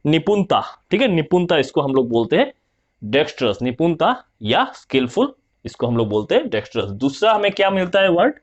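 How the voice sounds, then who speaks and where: A man's voice: on the high side, big pitch swings. Man teaching vocabulary, lo-fi sound. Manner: repeats and spells out words slowly, asks and answers his own questions. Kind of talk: Hindi vocabulary lesson, explaining word roots.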